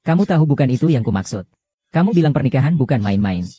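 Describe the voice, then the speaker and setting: A man voices an earnest young husband in a dubbed drama. The voice is warm and a little husky, with a lively, moving pitch. He speaks in a sincere, pleading way. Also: quick pace.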